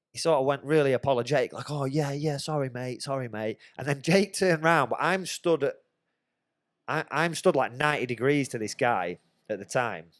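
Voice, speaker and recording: A man's voice: medium pitch, no room sound, studio quality. A man, telling a swear-filled story on a podcast. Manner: swears freely, animated anecdote telling. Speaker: podcast host. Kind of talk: casual chat, storytelling.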